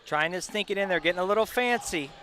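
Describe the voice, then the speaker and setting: A man's voice: high voice, fast, bright, forceful tone. A man giving casual, chatty color commentary on live basketball from a gym. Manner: informal, chatty reactions. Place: indoor basketball gym, courtside. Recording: noisy gym with bouncing balls.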